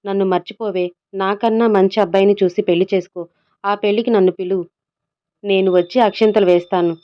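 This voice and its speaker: A woman's voice: mid-range voice, steady tone, fairly quick, lo-fi sound, natural voice. A woman voicing a lovesick young man in an audio story, self-pitying and whining through held-back tears. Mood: despairing. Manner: whining, tearful.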